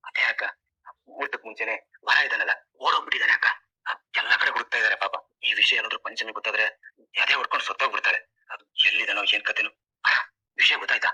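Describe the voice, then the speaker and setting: A scheming young man, as a man acts him out, whining in false mourning with a husky, bright voice. He rattles along fast in an amateur dramatized serial retelling. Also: lowish voice, fairly even intonation, heavily acted, low-quality recording. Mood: fake sorrow.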